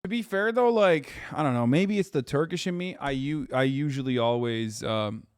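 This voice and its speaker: A man in his thirties streams live, reacting to videos and joking bluntly with his chat while swearing often. His medium-pitched voice has lively intonation, a smooth quality and normal speed, recorded in clean studio sound without echo.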